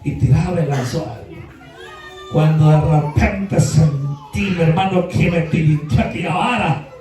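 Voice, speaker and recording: A high-pitched man preaches in a church, mixing folksy anecdotes with loud, shouted bursts of praise. His voice rings through a very echoey hall. He sounds set back from the microphone. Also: a little slow, distant mic, soft background music. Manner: folksy storytelling, rising to shouted exhortation. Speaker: pastor. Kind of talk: sermon. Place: church sanctuary.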